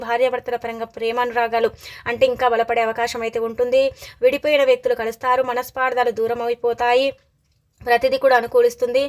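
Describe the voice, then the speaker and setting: A woman astrologer giving a horoscope forecast in a steady, advice-giving way, with frequent verbal fillers. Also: fairly high pitch.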